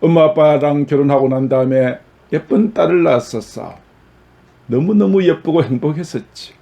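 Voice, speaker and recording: A pastor playing a loving mother who was scarred by fire, telling her story in a gentle, pleading way. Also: fairly high pitch, normal speed, creaky. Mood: tender.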